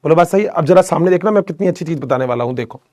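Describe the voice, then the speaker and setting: Young man, high-pitched voice, dry close sound, chatty joking biology lesson. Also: lively intonation, very fast, darkish tone, dry recording. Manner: chatty, addresses students as beta, jokes often. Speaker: biology teacher. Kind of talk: casual classroom lecture with storytelling.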